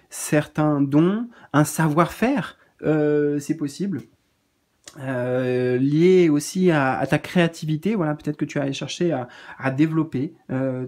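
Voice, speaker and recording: A man giving a gentle, reassuring spiritual card reading in a casual spoken style, pausing often with fillers. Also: a little high.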